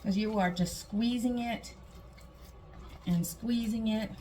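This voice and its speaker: A Guamanian woman hosts a relaxed cooking video in a voice that's on the high side yet dark in tone, and she speaks slowly. She talks through each step with little asides, and the room ambience and background noise are clear.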